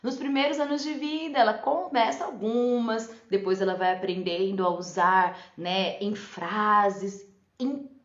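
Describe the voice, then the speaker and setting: A woman's voice: medium pitch, measured pace. Chatty woman teacher in an echoey room. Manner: chatty, often adds "né?" and laughs. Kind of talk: live talk on teaching for parents and teachers. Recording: echoey room, slightly dull lo-fi sound.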